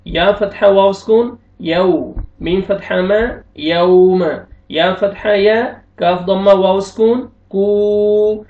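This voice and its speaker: A man teaching Quran recitation, slowly spelling out syllables and chanting them, then explaining pronunciation briskly. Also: high-pitched, steady tone. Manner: slow drawn-out recitation alternating with brisk explanations. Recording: tinny phone-like audio, roomy echo, distant from mic.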